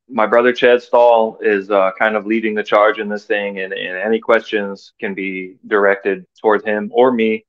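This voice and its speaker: A man with a low voice chats as a podcast guest, easygoing and plain-spoken, often stopping on "uh". The sound is dull and lo-fi. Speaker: podcast guest, wrestling tournament organizer. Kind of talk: casual chat.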